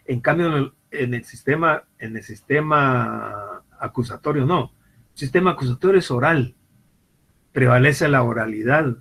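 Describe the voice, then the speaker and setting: A man's voice: mid-range voice, moderate pace, a bit bright, breathy edge, poor audio. A man giving a university law lecture. He often repeats and restarts words, and he acts out little everyday scenes in quoted voices to explain his points. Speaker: law professor. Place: classroom or online class.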